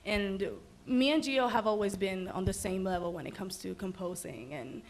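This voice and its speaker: A woman's voice: medium pitch, moderate pace. A young woman from the Dominican Republic, a singer, chatting as a guest in a casual livestream interview, bubbly with many ums. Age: young adult.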